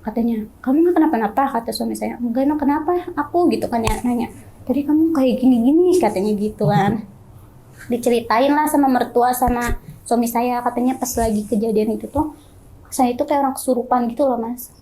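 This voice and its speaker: Young woman, high mellow voice, interview guest telling her own ghost story in an animated way, acting out others' lines. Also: brisk, slight background noise.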